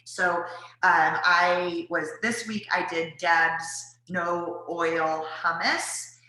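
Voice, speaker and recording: A woman's voice: lowish voice, sharp tone. A woman giving casual cooking tips to viewers, chatty and rambling with lots of fillers. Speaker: wellness presenter. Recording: very echoey room.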